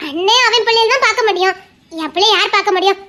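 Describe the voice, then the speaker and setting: A sharp-tongued rural mother with a Tirunelveli Tamil accent, played by a woman, scolding and mocking her daughter. The voice sits extremely high and piercing. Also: steady tone, fast.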